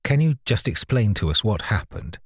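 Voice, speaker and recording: A male narrator gives a calm, gentle man trying to settle things down, his low voice soft and kindly. The delivery is husky and close, with a dry, roomless sound. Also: normal speed, dry recording. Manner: kind, soothing. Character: calm, gentle middle-aged man, peacemaker. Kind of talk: audiobook reading.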